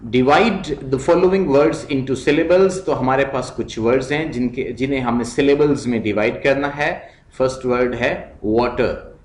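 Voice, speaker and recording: Guy teaching english, slow careful talk, repeats words, echoey room. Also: mid-range voice, darkish tone. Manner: explains in Hindi-Urdu mixed with English, reads English lines slowly and repeats words. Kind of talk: recorded classroom lesson.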